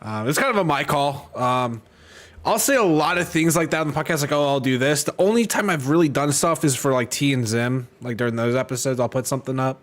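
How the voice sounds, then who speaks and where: A man's voice: mid-range voice, a little fast, fairly bright tone. Hesitant man hosting a podcast. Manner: hesitant, self-critical. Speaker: podcast host. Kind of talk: casual chat.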